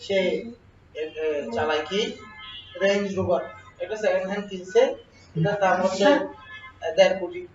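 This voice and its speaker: High-pitched male teacher, distant mic, dull lo-fi classroom lesson. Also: fairly even intonation, moderate pace, long pauses, soft background music. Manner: asks the class questions and answers them himself. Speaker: exam prep teacher. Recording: roomy, distant, dull lo-fi sound with faint noise.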